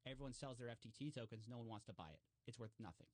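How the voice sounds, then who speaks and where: A man speaking casually as an interview guest, talking at a mid pitch with loose phrasing and plenty of "like" and "you know." He gets lively whenever he quotes other people. The sound is dry and close, with no room echo. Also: racing. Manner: animated, acts out quoted remarks with raised pitch; many fillers and restarts. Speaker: guest commentator on fraud stories.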